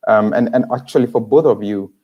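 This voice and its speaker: A man's voice: on the low side, fairly quick, slightly rough, lo-fi sound. A man hosting an online interview, asking long questions with frequent hesitations. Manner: hesitant, many fillers and restarts. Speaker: host.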